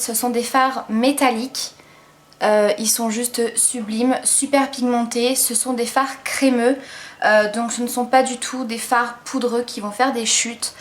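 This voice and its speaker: A woman giving a casual makeup product review as a beauty vlogger, chatty and enthusiastic, with lots of hesitant fillers. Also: fairly high pitch. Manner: enthusiastic, gushing about products.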